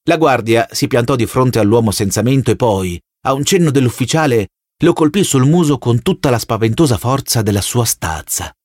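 A man reading a novel aloud as an audiobook narrator, measured and expressive. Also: mid-range voice, no echo, studio quality. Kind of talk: scripted narration.

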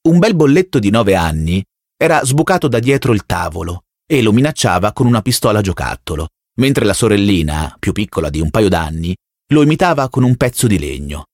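A man narrating an audiobook with measured, expressive storytelling. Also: lowish voice, dry recording, studio quality. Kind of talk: scripted narration.

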